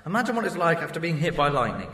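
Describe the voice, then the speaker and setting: A man's voice: fairly high pitch, sing-song, rapid-fire, bright, forceful tone, husky, heavily acted. An actor playing the Doctor, an eccentric male time traveller with a whimsical, exclamatory manner. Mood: wry. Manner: whimsical, exclamatory, British phrasing. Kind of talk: fan audio drama acting.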